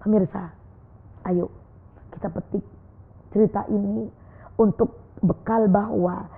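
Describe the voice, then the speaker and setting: A woman's voice: medium pitch, fairly even intonation, slow, gravelly. A woman preaching a sermon, telling a story and acting out the characters' voices. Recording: tinny phone-like sound.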